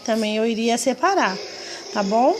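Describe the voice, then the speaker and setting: A woman's voice: fairly high pitch, animated, moderate pace, background noise. A woman teaching a lesson to children, patiently stretching out words and syllables.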